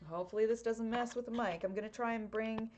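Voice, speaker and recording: A woman giving a live colored pencil drawing tutorial over a webcam, chatty and quick to laugh at herself. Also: a little high, steady tone, a little mellow, a little hiss or hum. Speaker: art teacher.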